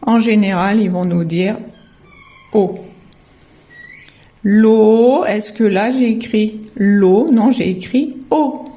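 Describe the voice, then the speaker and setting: A woman's voice: mid-range voice, takes it slowly, dark tone. A French woman, a kindergarten teacher, patiently explaining how children learn to write words, sounding out syllables and letters one by one. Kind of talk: slow step-by-step teaching explanation.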